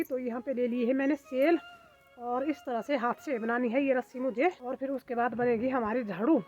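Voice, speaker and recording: A high-pitched woman with a Mandyali-tinged Hindi accent talks in a loose, chatty way, full of fillers, as she films her hillside village farm. The phone recording sounds a little dull and lo-fi, with open outdoor air around her. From Himachal Pradesh, India. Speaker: village vlogger. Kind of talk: casual vlog narration.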